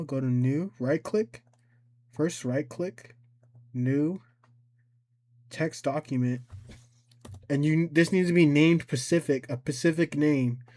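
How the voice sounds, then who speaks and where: In a mid-range voice, a man gives an unscripted, casual walkthrough of some software. He reasons aloud as he goes, stumbling, repeating, and fixing what he says.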